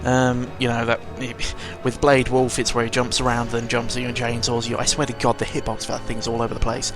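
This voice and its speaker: With a completely flat delivery and a mid-range voice, a British man speaks a little fast as he rambles through unscripted game commentary. He's sarcastic and mildly sweary, recorded on a close mic with video game music behind him.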